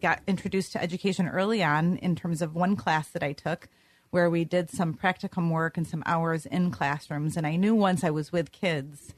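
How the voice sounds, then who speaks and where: A woman's voice: fairly low pitch, fairly even intonation, normal speed, dry recording. Composed woman, radio guest. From Greece, New York. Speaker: school superintendent, guest. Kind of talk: radio interview answers. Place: radio studio.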